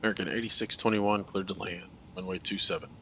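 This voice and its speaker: Deep man on a cockpit headset. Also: fast, muffled recording. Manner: calm, clipped cockpit callouts. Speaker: flight simulator player making pilot radio calls. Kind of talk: playing pilot, reading checklists and radio calls.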